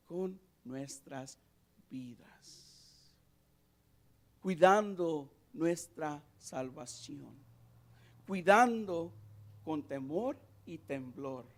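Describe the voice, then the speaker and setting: High-voiced, slow, emphatic male preacher. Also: vocal fry. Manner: emphatic, swings between soft asides and loud passionate peaks; repeats key phrases for emphasis. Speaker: pastor. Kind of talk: Spanish-language sermon and closing prayer. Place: church sanctuary.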